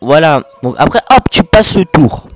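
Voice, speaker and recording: A man with a French accent giving a casual, rambling gameplay tutorial, talking fast and swearing constantly. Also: on the high side, very animated. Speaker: gaming video host.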